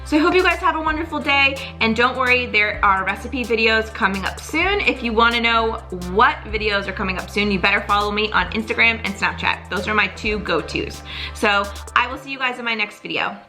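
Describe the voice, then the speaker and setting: A woman's voice: medium pitch, fairly quick, sharp tone, faint music behind. A young woman chatting casually in a product review vlog, upbeat and full of "like" fillers. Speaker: vlogger.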